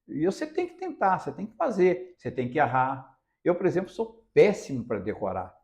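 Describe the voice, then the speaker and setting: A radio reporter from Minas Gerais tells stories during a casual interview, speaking Brazilian Portuguese with a Minas Gerais accent and leaning on emphatic, repeated phrases. His voice is fairly high and a little mellow, brisk in pace, with wildly swooping pitch.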